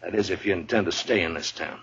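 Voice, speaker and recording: A man's voice: sits low, fast talker, creaky, fairly bright tone, breathy edge, full character voice. A man playing a tough, world-weary lawman, firm but fair and blunt, in a 1950s radio western. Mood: stern, exasperated. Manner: authoritative, blunt. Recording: dull vintage radio recording.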